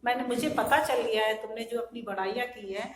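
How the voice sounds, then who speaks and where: A woman teacher giving a classroom lecture. She recites verse lines slowly and loudly, then explains them in plain speech with rhetorical questions to the class. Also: a little high, steady tone, roomy sound, rough recording. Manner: asks rhetorical checks of the listeners.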